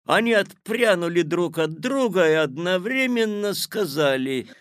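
A man reading a children's tale aloud as narrator, with expressive storytelling on a close studio mic. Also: high-pitched, unhurried, no room sound. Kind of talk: audiobook narration.

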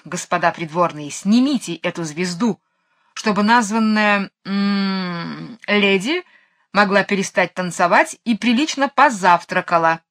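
A woman's voice: medium pitch, lightly acted. Woman doing a grumpy barking king. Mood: commanding. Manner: irritable, barking, shouting. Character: irritable bossy fairy-tale king, male, middle-aged. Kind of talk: storybook reading.

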